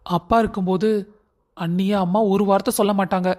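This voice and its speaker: A man voicing a calm, reassuring young husband who explains family matters in a cartoon story. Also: high voice, fairly quick, lightly acted.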